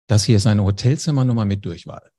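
A man's voice: on the low side, fast talker, mellow, husky. A man, a former radio host, telling anecdotes in a casual interview, speaking directly to the listener. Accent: German.

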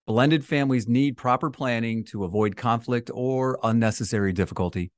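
A man's voice: medium pitch, moderate pace, dry recording, clean studio sound. A man co-hosting a podcast as a financial advisor, giving prepared explanations.

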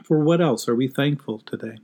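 A male pastor delivers sermon and liturgical prayer in a solemn, measured way. He recites in short, deliberate phrases, setting each one apart. His voice sits at an ordinary middle pitch for a man. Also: mellow. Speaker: pastor leading worship.

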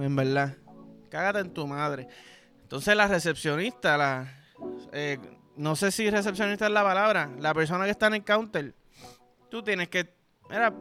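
A young man with a Puerto Rican accent rants through a solo comedy podcast, swearing freely and slipping into the voices of the people who annoy him. His voice sits high and sounds bright. Faint music plays underneath. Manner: profane, ranting, acts out quoted people. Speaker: podcast host.

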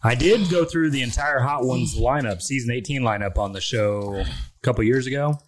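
A man with a medium-pitched voice hosts a loose live chat while eating gross, spicy jelly beans. He talks casually as a show host. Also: normal speed, slight background noise.

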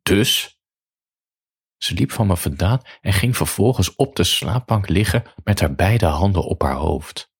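A man's voice: low voice, animated, moderate pace, breathy edge. A man narrating a first-person story in a dry, matter-of-fact way.

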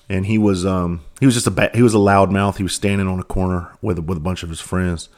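A man with a fairly low voice delivers a casual, profane monologue as host of his own show. He speaks bluntly, like the former police officer he is, and piles up rhetorical questions, often repeating a word before a sentence gets going. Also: darkish tone. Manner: repeats words when starting sentences.

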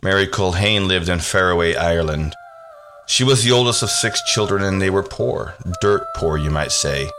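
A man reading a spooky story aloud as a podcast host, dramatic and slowing down for suspense. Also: low-pitched, fairly bright tone, faint music behind.

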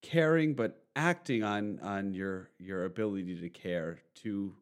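A man hosting an interview, asking questions and warmly thanking his guest. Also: lowish voice, measured pace, clear, resonant tone. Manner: encouraging, appreciative. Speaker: host.

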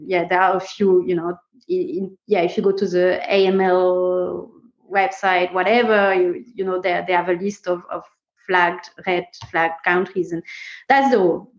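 A woman's voice: on the low side, fairly even intonation, moderate pace. A woman startup co-founder in a casual interview, talking emphatically in startup buzzwords, with non-native English phrasing. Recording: muffled, echoey room sound.

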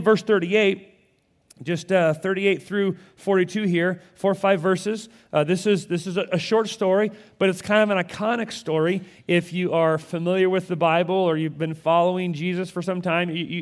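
High-voiced male pastor, earnest and chatty from the pulpit, trips over his words. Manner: earnest, conversational, with frequent restarts. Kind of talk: sermon with opening prayer.

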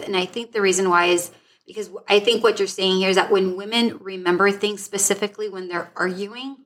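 A woman co-hosts a casual podcast, chatting and laughing often and restarting her sentences as she thinks aloud. Her voice is mid-range and a bit bright.

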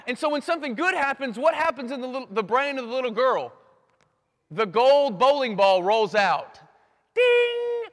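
A man preaching a sermon to a live audience, swinging from loud bursts to hushed near-whispers and making playful sound effects. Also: very high voice. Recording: long hall reverb.

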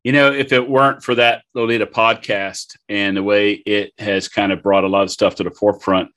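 A man's voice: lowish voice, level tone, normal speed, a bit bright. A man co-hosting a podcast, explaining a novel in a conversational way. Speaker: podcast co-host. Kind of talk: casual literary discussion.

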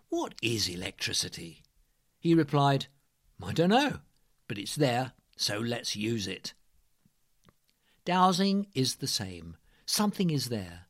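A man reading scripted narration as a presenter, in a measured, emphatic way. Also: medium pitch, no echo, clean studio sound.

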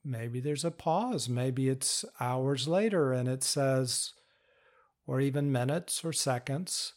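A man giving a patient, step-by-step instructional talk, explaining calmly. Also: mid-range voice, slow. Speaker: teacher of inner-parts work.

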